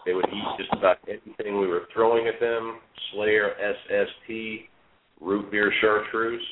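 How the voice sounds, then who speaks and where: A man co-hosting a fishing talk show, calling in on a speakerphone, chatting easily with lots of fillers. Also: fairly low pitch. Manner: easygoing, many fillers and restarts. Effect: on speakerphone over a phone line. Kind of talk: casual fishing chat and reading a report aloud. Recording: tinny echoey speakerphone call.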